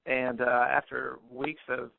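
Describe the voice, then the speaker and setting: A man from Tennessee leaves a chatty, teasing voicemail over a landline phone, halting with fillers. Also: mid-range voice, completely flat delivery, creaky. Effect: heard over a landline phone line. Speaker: voicemail caller. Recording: tinny, dry phone-line voicemail.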